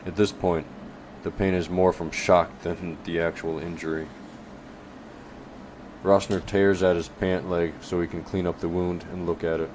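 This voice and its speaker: Brief: low-voiced man narrating a fantasy audiobook, measured pace, slight air-conditioning hum behind. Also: little pitch movement, darkish tone.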